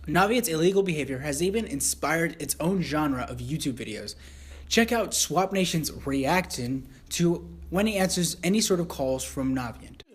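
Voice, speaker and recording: A man's slightly high, husky voice delivers a scripted satirical newscast. He plays the anchor with mock seriousness, slipping crude asides into otherwise formal news reading. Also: expressive, normal speed.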